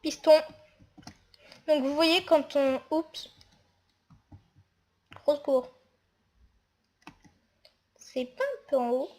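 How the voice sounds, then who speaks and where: A woman's voice: high-pitched, very slow, long pauses, dark tone. A woman talking through a casual game tutorial while she builds, hesitant and full of fillers. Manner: hesitant, narrates actions with fillers.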